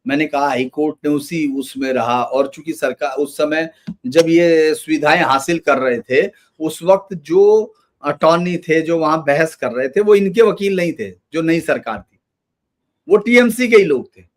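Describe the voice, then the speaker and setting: A man's voice: on the high side, measured pace. A man giving emphatic political commentary in a loose, run-on conversational manner.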